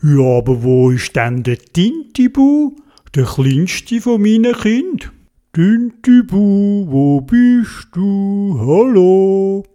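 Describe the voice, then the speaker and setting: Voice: medium pitch, big pitch swings, takes it slowly, warm tone. A storyteller voicing a caring octopus father calling out for his youngest child. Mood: worried. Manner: worried, calling out.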